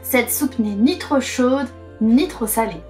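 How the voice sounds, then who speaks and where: Fussy little girl from a storybook, bright and lilting, as a woman reader puts her on. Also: on the high side, expressive, slow pace, distant mic, soft background music.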